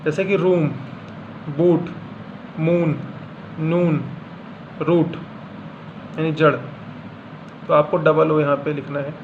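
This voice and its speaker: Slow deliberate teacher, lo-fi. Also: male voice, fairly high pitch, little pitch movement. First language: Hindi. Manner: slow, deliberate, repeats example words one by one. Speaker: English teacher. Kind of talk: classroom lesson explaining pronunciation. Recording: dull lo-fi sound with faint room hum.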